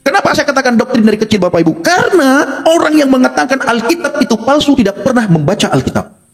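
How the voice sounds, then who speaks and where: A man's voice: very high voice, big pitch swings, fast. A man giving a testimony sermon, speaking emphatically to his listeners and acting out quoted dialogue. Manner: emphatic, addresses listeners as Bapak Ibu; acts out quoted voices in dialogue.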